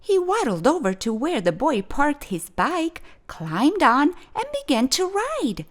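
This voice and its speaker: A woman hosting a children's storytime, reading a picture book aloud expressively with clearly phrased storytelling. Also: sits high, sing-song, measured pace. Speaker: children's storytime host and reader.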